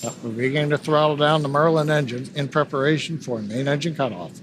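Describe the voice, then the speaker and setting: A man giving explanatory live launch commentary as a webcast host, in measured phrases. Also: fairly high pitch, noisy background.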